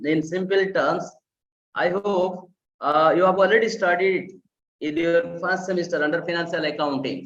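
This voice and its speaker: High-voiced man, online lecture, asks rhetorical questions, repeats phrases, distant echoey lo-fi call audio. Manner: explains with rhetorical questions and repetition. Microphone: video call.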